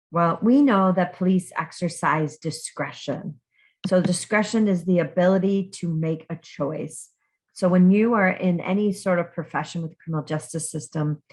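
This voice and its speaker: A woman with a fairly low voice talks through a recorded online lecture. She asks her students a stream of questions and stops to restart her sentences, with ums along the way. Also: a little mellow. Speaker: criminal justice instructor.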